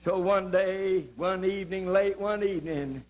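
A male evangelist preaching his testimony with fervent, dramatic swings between hushed passages and ringing shouts. His voice sits notably high, and he lingers over each phrase at an unhurried, deliberate pace. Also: muffled recording. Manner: drawn-out emphatic phrasing. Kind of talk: impassioned testimony sermon.

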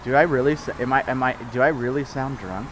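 A man's voice: mid-range voice, fast, background noise. A man hosts a casual live game stream, his voice stuffed up and groggy from the morning. He rambles along with plenty of fillers, restarts and half-finished thoughts. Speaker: streamer playing a farming game with friends.

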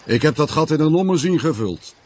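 A man voicing a cheerful, capable male village builder who talks briskly and confidently in a cartoon. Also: on the high side, expressive, a little hiss or hum, lightly acted.

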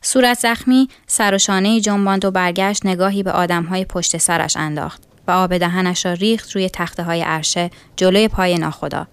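A woman narrating a literary story in a measured reading voice. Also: fairly low pitch, fairly even intonation, clean tone, no echo.

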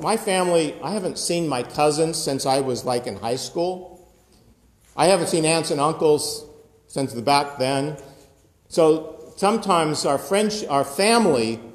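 In a church sanctuary with a high ceiling, a male pastor in his fifties preaches as if chatting, adding asides and gesturing as he goes. His pitch is fairly high. The close-up phone footage looks up at him, and the sound echoes with lengthy reverb.

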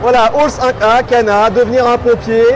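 Man, high voice, quick upbeat reporter, crowd and noise around. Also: level tone. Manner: brisk, upbeat presenting. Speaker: interviewer, convention reporter. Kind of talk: casual reporter interview. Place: crowded indoor convention hall. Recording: noisy crowded convention floor.

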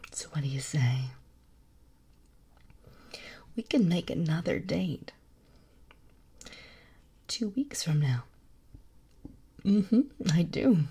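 Soft slow whispery lady streamer, mellow tone, sweet with her chat. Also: on the low side, breathy edge. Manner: gentle, affectionate, reads chat aloud. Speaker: ASMR streamer.

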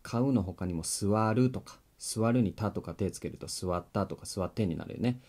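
Male video-lesson teacher, mellow low voice, friendly step-by-step explainer. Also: moderate pace, husky. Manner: friendly explaining, asks the viewer questions; writes on a board while talking.

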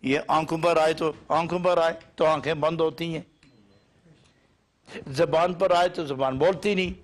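Preacher guy from pakistan, bit high-pitched, sermon in rhythmic repeated lists, punchy rising questions. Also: fairly even intonation. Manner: rhythmic, repetitive lists of short phrases. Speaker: Sufi preacher. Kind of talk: sermon lesson on poetry.

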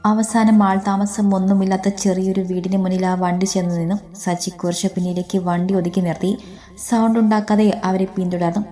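A woman reading a story aloud as narrator in a steady, even way. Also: fairly low pitch.

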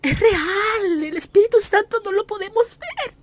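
Woman preacher, high voice, dry close self-recorded audio, pleading and insistent. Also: moderate pace, no echo. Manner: fervent, pleading, repeats appeals. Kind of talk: recorded prophetic exhortation. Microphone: self-recorded audio message.

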